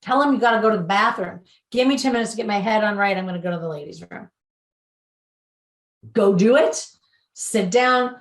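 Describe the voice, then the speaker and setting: A woman's voice: medium pitch, a little fast, long pauses, echoey room. A woman hosting a recovery talk, earnestly coaching and running through lists of feelings. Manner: earnest, repetitive lists of feelings, acts out sample dialogue. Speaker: host.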